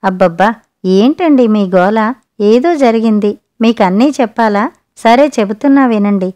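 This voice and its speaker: A woman's voice: on the high side, a little slow, warm tone, lightly acted. A woman narrator voicing an impatient daughter-in-law, speaking curtly and with exasperation. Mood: irritated. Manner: curt, exasperated.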